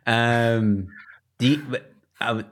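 A man's voice: medium pitch, steady tone, slow. A man co-hosting a podcast, chatting casually and joking, with many fillers and restarts. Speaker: podcast co-host.

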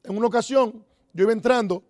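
A man from the Dominican Republic gives a motivational talk on network marketing, asking the audience rhetorical questions and repeating key phrases. His voice is very high-pitched, fast, and darkish in tone, captured in clean studio sound with no echo.

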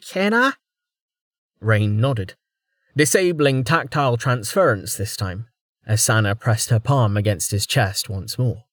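A man's voice: on the low side, unhurried, dry recording, clean studio sound. Man narrating a fantasy audiobook.

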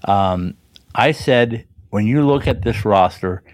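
A man co-hosting a hockey talk show, chatting in a relaxed way with lots of fillers. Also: on the low side, takes it slowly, no room sound. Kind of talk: casual sports chat.

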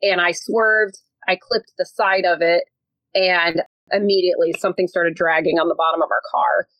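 A woman's voice: fairly low pitch, steady tone, moderate pace, fairly bright tone, no echo, poor audio. A woman guest telling a road trip story in a chatty way, often laughing and saying "like". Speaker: podcast guest. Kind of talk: casual storytelling.

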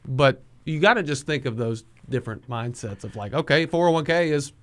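A man's voice: mid-range voice, expressive, a little fast, a bit bright. A man working as a financial advisor, explaining savings with everyday examples in a casual way. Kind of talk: financial radio talk.

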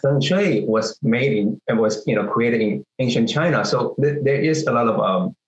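A man's voice: mid-range voice, lively intonation, normal speed, muffled recording. A man working as a feng shui consultant, explaining patiently in an interview and often checking in with the listener. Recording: echoey room.

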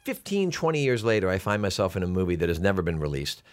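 A man in his fifties, an actor appearing as a guest, telling animated stories in a casual interview. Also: deep voice, fast talker. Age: 50s. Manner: animated storyteller, lots of fillers and restarts.

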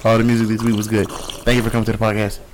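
A man's voice: fairly low pitch, monotone, very fast, background noise. A man co-hosting a casual podcast with bro-ish, boastful, profane slang. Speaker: podcast co-host. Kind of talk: casual group banter.

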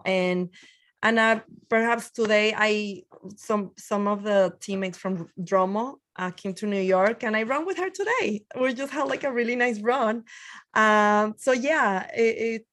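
A woman's voice: mid-range voice, fairly bright tone. Chatty woman in her thirties from Mexico. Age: 30s. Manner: chatty, many fillers and restarts. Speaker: guest marathon runner. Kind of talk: casual podcast interview.

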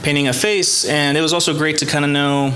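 A man's voice: on the high side, fairly even intonation, fairly quick, sharp tone, a little hiss or hum. A man in his thirties from Costa Rica, a guest artist telling his story in a loose, rambling way with many fillers. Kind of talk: casual interview chat.

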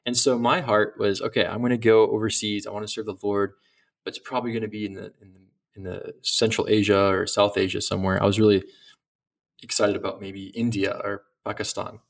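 A man's voice: on the low side, level tone, brisk, vocal fry. A middle-aged man speaking as a missionary guest in an interview, earnest and reflective, often restarting his sentences. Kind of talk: casual interview talk.

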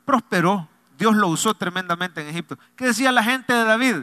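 A man's voice: high-pitched, lively intonation, brisk, bright, forceful tone, no room sound. A man, a pastor preaching a sermon and telling a personal story in a confiding, joking way. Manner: humorous, confiding, addresses congregation directly.

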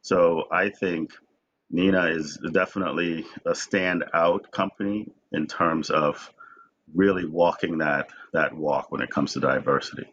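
A man's voice: deep voice, fairly even intonation, measured pace, fairly bright tone. A man in his forties from Jamaica, speaking as a guest in a conversational interview, reflective and often repeating words as he starts a thought. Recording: dull lo-fi sound.

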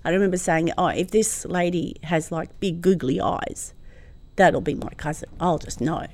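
A woman's voice: lowish voice, normal speed. Australian woman telling a personal story. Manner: animated, warm storyteller with frequent laughs. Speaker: guest.

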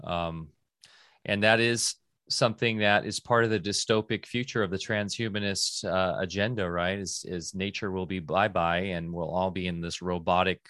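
A podcast host conducts a casual interview in a rambling, enthusiastic way, restarting himself often. His voice sits low with a fairly bright tone, recorded with clean studio sound and no echo.

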